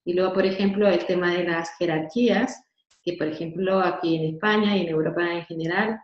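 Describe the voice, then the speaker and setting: A woman moderates a webinar and chats about her own experiences, filling pauses and repeating words. Her voice sits a little low. The sound is dull and echoey over a computer mic. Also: fairly even intonation. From Honduras. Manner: chatty, with frequent fillers and repeated words.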